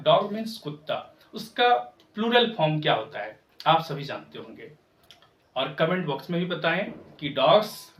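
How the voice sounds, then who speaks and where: A man teaching English pronunciation, speaking slowly and repeating each word to correct common mistakes. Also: fairly high pitch, a bit bright. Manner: slow, repetitive, corrective. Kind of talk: pronunciation lesson to camera. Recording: echoey room, voice from a distance.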